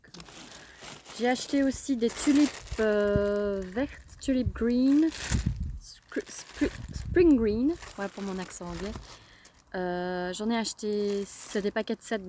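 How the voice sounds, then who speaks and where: Belgian lady rambling about her garden outside, lots of ums, soft mellow tone, faint hiss. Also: mid-range voice. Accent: Belgian French. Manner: chatty, hesitant, many fillers and restarts. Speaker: gardening vlogger. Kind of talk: casual chat.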